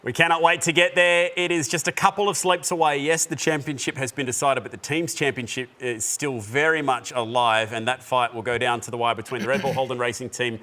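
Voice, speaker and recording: Bright-voiced race host. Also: male voice, mid-range voice, fairly even intonation, a little fast, hardly any pauses. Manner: upbeat, chatty presenter. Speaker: commentator host. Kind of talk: live esports broadcast hosting.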